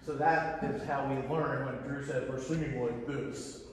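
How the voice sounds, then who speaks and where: A man leading a choir rehearsal warm-up as vocal coach, explaining resonance and breaking into short sung vowel sounds. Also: mid-range voice, fairly even intonation, normal speed. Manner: demonstrates sung vowel sounds between instructions. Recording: echoey hall heard from far off.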